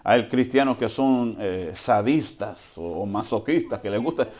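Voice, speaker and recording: A man preaching a sermon in a conversational way, often checking in with the congregation and swinging between quiet and loud. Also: medium pitch, a little slow. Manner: lively swings between soft and loud, with chuckles. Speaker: pastor.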